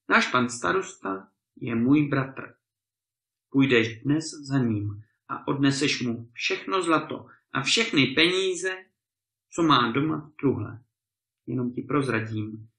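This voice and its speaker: A man's voice: mid-range voice, animated, gravelly, fairly bright tone. A man voicing a greedy, stern landowner who makes threats and bursts into anger, in a storybook reading in an echoey room. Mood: stern threatening.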